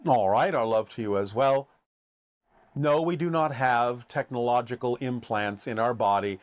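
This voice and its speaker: A man answering questions in a formal, measured way, speaking as "we" and slowing down on key phrases. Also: mid-range voice, dry recording, studio quality.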